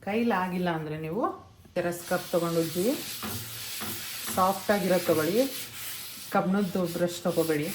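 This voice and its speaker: A woman's voice: on the low side, fairly quick, pauses often. A woman with a Kannada accent giving plain, practical step-by-step cooking instructions in her home kitchen. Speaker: home cook demonstrating. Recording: echoey kitchen with cooking noise.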